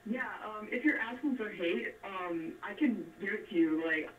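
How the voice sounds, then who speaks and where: A man's voice: sits high, animated, normal speed. A man calling in to a radio show and heckling the host bluntly, heard through a speakerphone. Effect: heard over a speakerphone. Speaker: caller. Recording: tinny, distant, echoey speakerphone with faint hum.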